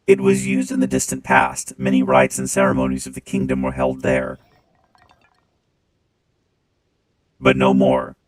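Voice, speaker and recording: A man voicing a calm, dutiful male robot steward through a robot voice filter, speaking formally. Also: very deep voice, slight background noise, voice pushed down, low-quality recording. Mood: wistful. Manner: formal, measured, reminiscing. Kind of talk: gameplay stream reading game dialogue.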